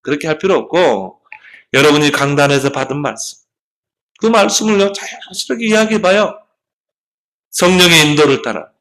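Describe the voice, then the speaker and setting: A man's voice: fairly high pitch, animated, moderate pace, long pauses, a bit bright. A man preaching a sermon as a pastor, telling his story with passion, his voice rising and falling sharply.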